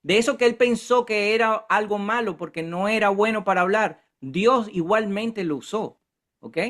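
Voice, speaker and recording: A man with a notably high voice leads a Bible study. He talks conversationally and keeps checking in with his listeners as he explains. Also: normal speed, fairly bright tone. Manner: conversational, keeps asking the group "¿verdad?".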